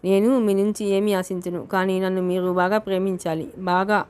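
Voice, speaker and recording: A woman's voice: mid-range voice, flat delivery, moderate pace, clean tone, lightly acted. A woman reading a shy young bride. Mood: pleading. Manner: shy, soft-spoken. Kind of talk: audiobook character reading.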